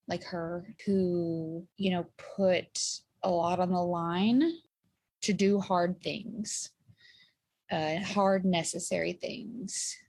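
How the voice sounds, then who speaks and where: A woman's voice: on the low side, a little mellow, no room sound. A woman in her thirties, a guest on a podcast, chatting casually and filling her talk with "like" and "you know.". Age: 30s. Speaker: podcast guest, communications director. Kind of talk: casual chat.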